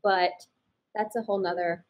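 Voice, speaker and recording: A woman's voice: mid-range voice, steady tone, moderate pace, highs cut off. A woman hosting a casual fashion color chat, upbeat and explaining things to viewers. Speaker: color analyst host.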